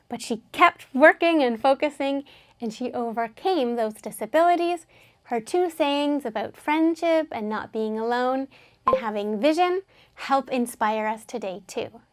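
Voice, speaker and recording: High-voiced woman teaching English. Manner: patient, explains words and has learners repeat them. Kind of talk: English lesson explaining a biography.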